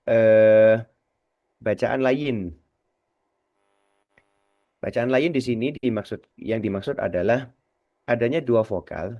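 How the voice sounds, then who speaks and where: Man, radio tajwid teacher, patient and repetitive, low voice, dull lo-fi dry broadcast sound. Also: no echo. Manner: slow, patient, repeats words to demonstrate. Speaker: Quran recitation teacher.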